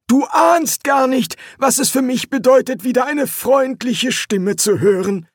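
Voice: sits high, measured pace, dry recording, clean studio sound, voice pushed up. A reader voicing a mild-mannered older male prisoner in an audiobook, polite and pleading. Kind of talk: audiobook character voice.

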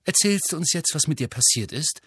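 A man voicing an earnest teenage boy in an audiobook, quick and insistent. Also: a little high, expressive, fairly bright tone, breathy edge, no room sound, studio quality, voice pushed up. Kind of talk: audiobook character voice.

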